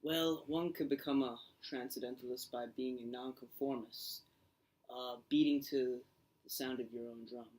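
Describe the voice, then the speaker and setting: A young man playing a halting, earnest old philosopher. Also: mid-range voice, fairly even intonation, a little mellow, natural voice, low-quality recording. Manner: halting, many ums and uhs, recites lines. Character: earnest old male philosopher, self-assured. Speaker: interviewee in a school skit. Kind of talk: amateur skit acting.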